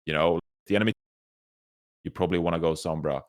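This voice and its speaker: A man's voice: low voice, fairly even intonation, quick pace. A man asking hesitant questions in a casual roundtable chat, full of fillers, with his mic cutting out so his volume comes and goes. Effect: mic cutting out, uneven volume. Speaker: panelist.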